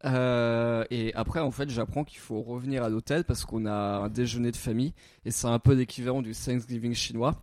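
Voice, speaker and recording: A man's voice: medium pitch, fairly even intonation, fairly quick, hardly any pauses, a little mellow, no room sound. Easygoing man telling a rambling story. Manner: rambling storyteller, many fillers and restarts. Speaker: podcast co-host. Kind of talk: casual anecdote telling.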